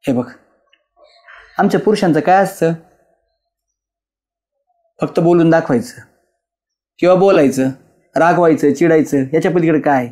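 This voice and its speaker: A tender rural husband, played by a man, comforts his wife in a village web drama. His voice sits a little high for a man, and he speaks in soothing, repetitive reassurances. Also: unhurried, long pauses, warm tone, close to an everyday voice. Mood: consoling.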